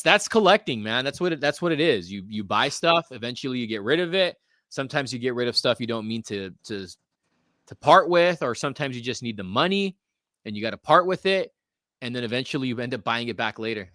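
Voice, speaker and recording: This is a man in his forties hosting a casual live-streamed podcast about collectibles. His voice is bright and forceful, and he jokes easily while reading viewer comments aloud. The sound is dry and close to the mic. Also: mid-range voice, lively intonation, a little fast, dry recording. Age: 40s. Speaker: podcast host.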